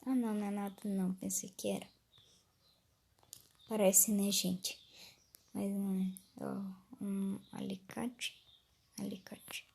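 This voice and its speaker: Jumpy Brazilian woman gaming, gravelly voice. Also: mid-range voice, level tone, a little slow, long pauses, warm tone. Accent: Brazilian Portuguese. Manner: jumpy, nervous exclamations, often drops to a whisper. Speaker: gaming youtuber. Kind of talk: let's play commentary.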